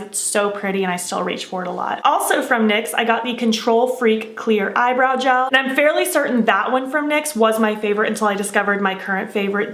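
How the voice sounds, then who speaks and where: High-voiced woman chatting casually, echoey room. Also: fairly bright tone. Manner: emphatic, opinionated, repeats herself for stress. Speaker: beauty vlogger reviewing past makeup purchases. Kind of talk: casual chat.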